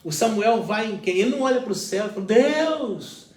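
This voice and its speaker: A man's voice: sits high, fast talker, echoey room, recorded from a distance. A man, a pastor, talking through a Bible reflection in an earnest, explanatory way with everyday examples.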